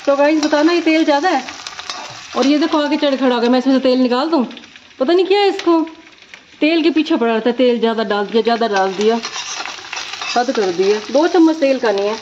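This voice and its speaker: A woman's voice: sits high, brisk, a little mellow, highs cut off, slight background noise. A woman with a head cold chatting casually to her viewers in a home vlog, talking straight to the camera. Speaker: home vlogger. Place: home, kitchen and house.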